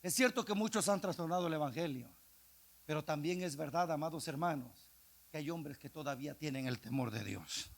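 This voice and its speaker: A male evangelist preaching a sermon, swinging from hushed speech to impassioned shouting. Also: fairly high pitch, lively intonation, a little fast. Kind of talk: Pentecostal-style sermon.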